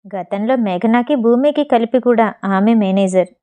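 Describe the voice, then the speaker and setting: A woman's voice: fairly high pitch, normal speed, dark tone, lightly acted. A woman reading the lines of a loyal, matter-of-fact female manager.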